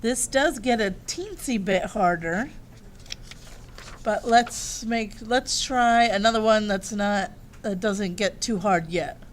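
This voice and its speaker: A woman's voice: mid-range voice, slow pace, slight background noise. A woman teaching a math lesson, upbeat and walking the class through each step.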